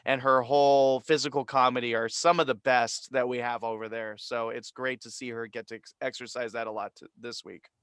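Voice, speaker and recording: A man co-hosting a casual recap, upbeat, with quick affirmations and enthusiastic remarks. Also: mid-range voice, little pitch movement, a bit bright, clear, resonant tone, no echo. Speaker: co-host.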